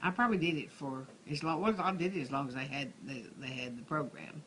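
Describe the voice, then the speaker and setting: A woman's voice: deep voice, fast, fairly bright tone. An elderly woman with a Texas accent, a retired schoolteacher reminiscing in a rambling, conversational way with restarted phrases. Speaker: retired schoolteacher being interviewed. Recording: noisy room ambience.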